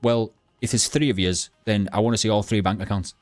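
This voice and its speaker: A young man with a very low voice chats bluntly to his live audience while he plays. He rambles and restarts his sentences, close and dry on the mic. Faint game music runs underneath. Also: fairly even intonation, brisk, no echo. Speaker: gaming livestreamer. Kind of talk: rambling casual chat to a live chat.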